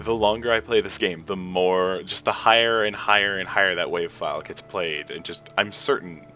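A man's voice: sits low, pushed and bright. A young man commentating his gameplay, rambling and thinking aloud with a chuckle. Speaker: let's play host. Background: game music.

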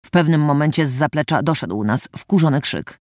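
A man narrating a first-person audiobook in an expressive, dramatic reading style, recorded on a close studio mic. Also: a little high, a little fast, no room sound.

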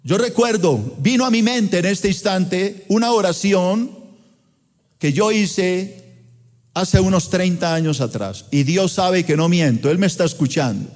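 A middle-aged man from Colombia with a Colombian accent, preaching a sermon as pastor with impassioned delivery and sweeping swings in pitch. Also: animated, a little slow, darkish tone. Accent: Colombian Spanish. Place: large church auditorium. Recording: long hall reverb in church auditorium.

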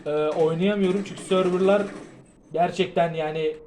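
A man giving gameplay commentary, excitable and prone to panicked shouting, tired from fasting, with a sore throat. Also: high voice, slight background noise. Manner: excitable, shouts and yelps in panic, then drops to muttering. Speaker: gaming video creator.

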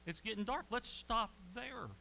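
A man's voice: extremely high pitch, expressive, moderate pace, gravelly, pushed and bright, a little hiss or hum, voice pushed up, heavily acted, low-quality recording. A man acting out an ancient servant who urges his master to stop for the night, sounding insistent. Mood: urgent. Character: ancient male servant, urgent and cautious.

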